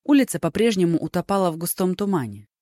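An audiobook narrator reading a story with a steady, even delivery. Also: medium pitch, fast, dry recording, clean studio sound. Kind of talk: scripted narration.

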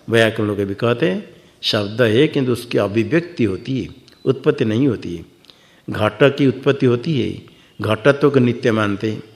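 Guy teaching old scripture, medium voice, keeps asking then answering himself. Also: medium pitch. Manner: asks and answers his own questions, repeats words for emphasis. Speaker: Vedanta teacher. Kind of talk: scripture lecture.

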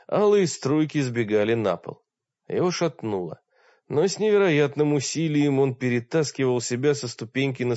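A man narrating an audiobook in a steady storytelling manner. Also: mid-range voice, dry recording. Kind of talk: scripted narration. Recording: dull dry recording.

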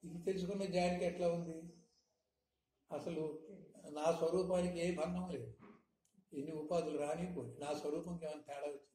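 Echoey spiritual teacher, mellow man. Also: fairly high pitch, steady tone. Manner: rhetorical questions, measured emphatic teaching. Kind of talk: satsang discourse. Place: hall in Hyderabad. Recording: echoey room, faint noise.

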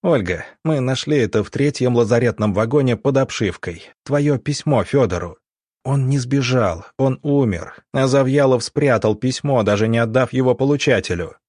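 A man voicing a furious, righteous doctor who accuses a liar, with a husky voice. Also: mid-range voice, moderate pace, a little mellow, no echo, clean studio sound, lightly acted. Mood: angry. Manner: angry, accusing.

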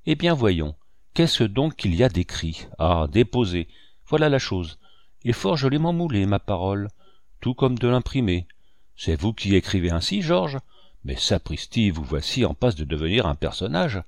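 A man's voice: fairly low pitch, moderate pace, no room sound, studio quality. A man reading a sly, mocking pirate captain. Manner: calm, mocking, drawling. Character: cunning one-legged old pirate captain, sly. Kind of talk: audiobook reading.

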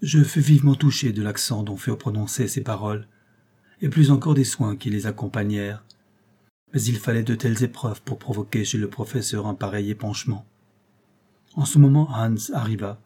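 A man reading a novel aloud in the first person, in a calm, measured way of telling the story. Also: lowish voice, husky. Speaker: audiobook narrator. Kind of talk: scripted literary narration.

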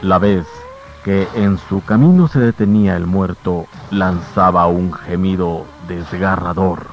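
A man tells a grim tale in a measured, solemn way, as in an old radio show. His voice sits very low and moves at an unhurried pace. The recording is muffled and carries a faint hiss. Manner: measured, grave storytelling. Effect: old radio show broadcast sound. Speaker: narrator. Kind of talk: scripted dramatic radio narration.

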